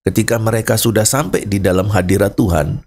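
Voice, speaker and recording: Animated man explaining theology. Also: lowish voice, a little fast. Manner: animated storyteller, chuckles, acts out scenes.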